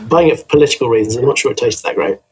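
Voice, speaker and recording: A man speaking as a podcast guest, casual and halting as he thinks aloud. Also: mid-range voice, heavy background noise. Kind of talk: casual interview chat.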